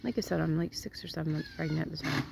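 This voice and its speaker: Raspy, gravelly-voiced woman rambling casually. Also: low-pitched, fast, darkish tone, slight background noise. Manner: rambling, laughs often, many fillers. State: sore throat. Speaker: vlogger. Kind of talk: casual storytelling chat.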